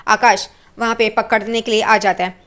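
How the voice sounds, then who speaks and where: A woman narrating a casual retelling of a TV serial episode, moving briskly from scene to scene and quoting each character. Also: medium pitch, fairly even intonation, fairly bright tone, clear, resonant tone. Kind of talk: casual story recap narration.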